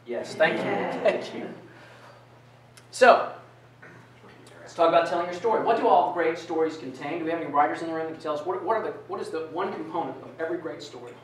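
A middle-aged man delivers an interactive keynote in an indoor conference room with a projector screen, animatedly putting questions to the audience. His voice is on the high side and brisk, picked up by a far-off camera with no mic, so the room sounds echoey and carries a little hiss or hum.

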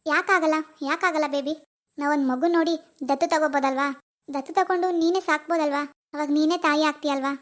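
A woman voicing a caring mother in a cartoon, gently comforting and coaxing her grieving daughter. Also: high voice, fairly even intonation, fast, close to an everyday voice.

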